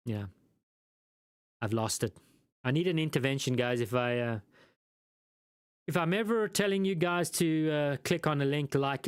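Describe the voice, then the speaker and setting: The clean-toned, mid-range voice belongs to a man from South Africa whose accent comes through as he hosts a casual live stream. He goes through viewer comments in a rambling, self-mocking way, often saying um and starting over. It's studio quality with no echo.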